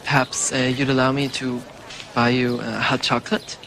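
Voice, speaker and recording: A man's voice: mid-range voice, level tone, normal speed, creaky, a bit bright, a little hiss or hum. A man playing a polite, shy young suitor in a film drama, courteous and tentative. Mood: shy, hopeful.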